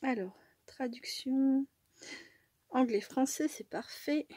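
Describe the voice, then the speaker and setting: Brief: woman vlogger, chatty crafting unboxing, fairly high voice, dry close sound. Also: slow, dark tone, dry recording. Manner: chatty, many fillers, frequent small laughs. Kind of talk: casual unboxing and crafting chat.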